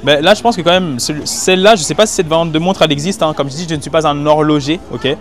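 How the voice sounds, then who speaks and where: Quick-paced and on the high side, a man's voice narrates as he shops. He's a vlogger reviewing goods at busy market stalls, talking to viewers in slangy, informal French and thinking out loud. The candid on-location recording was made with a hidden mic, music in the background.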